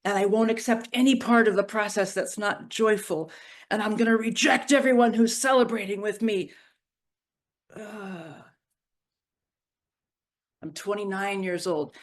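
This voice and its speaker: A middle-aged woman giving a personal storytelling reflection at a church service, moving from playful to hushed and grave. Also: mid-range voice, a little slow. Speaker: worship reflection speaker.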